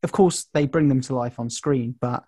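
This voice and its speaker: A man's voice: mid-range voice, moderate pace, warm tone, breathy edge, dry recording, studio quality. A man hosting a casual film podcast, chatting and musing with frequent restarts.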